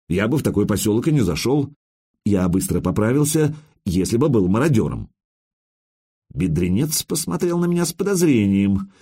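A man's voice: fairly low pitch, mellow, husky. A man narrating a first-person audiobook in a wry, conversational storytelling manner.

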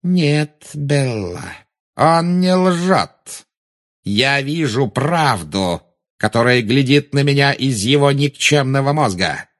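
Cold silky dark lord voiced by a man, slow drawn-out menace, audiobook. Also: mid-range voice, expressive, voice pushed up.

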